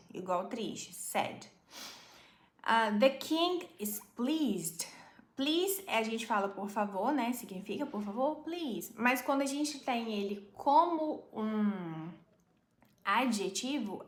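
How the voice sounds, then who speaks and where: A woman with a Brazilian Portuguese accent teaching English from a storybook, patiently explaining and reading English phrases slowly and clearly. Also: medium pitch. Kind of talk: language lesson reading a storybook. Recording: roomy echo.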